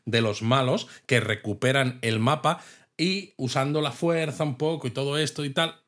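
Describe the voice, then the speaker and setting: A man's voice: medium pitch, moderate pace, fairly bright tone. Man chatting, thoughtful tag questions. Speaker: podcast co-host. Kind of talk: casual chat reviewing a TV episode.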